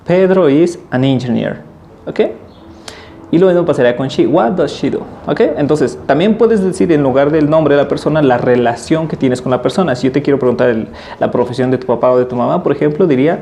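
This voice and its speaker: A man teaching an English lesson in Spanish, patiently repeating example phrases slowly and clearly. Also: mid-range voice, warm tone, a little hiss or hum. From Mexico.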